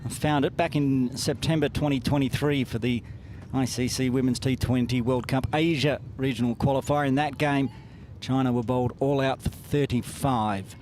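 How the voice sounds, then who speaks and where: A man co-commentating on a cricket match, calmly adding statistics and replay analysis. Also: medium pitch, a little hiss or hum. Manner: measured, citing past statistics. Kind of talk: live sports analysis.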